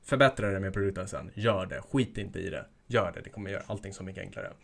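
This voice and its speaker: Energetic young man coaching online sellers. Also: low voice, gravelly. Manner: energetic, hypes things up, jokey asides. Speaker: e-commerce coach. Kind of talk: casual instructional video.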